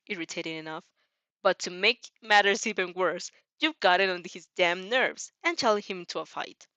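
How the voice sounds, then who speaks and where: A woman with a mid-range, slightly bright voice reads fan fiction aloud with dramatic flair, and there's no echo. She often stumbles, repeating and rephrasing her lines as she goes.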